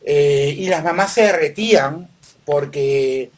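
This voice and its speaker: Unhurried Peruvian father reminiscing. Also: fairly high pitch. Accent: Peruvian Spanish. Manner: warm reminiscing, unhurried, many fillers. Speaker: podcast host and father. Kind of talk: casual chat.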